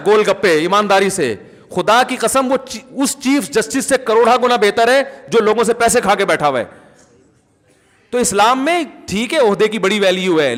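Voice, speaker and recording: A middle-aged male cleric delivers a sermon in a high voice, mixing humor with fervent emphasis. He mimics the people he quotes in the manner of a storyteller. His words trail off into long reverberation in a large hall. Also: fairly bright tone. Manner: emphatic oaths, rising fervor. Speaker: Islamic cleric.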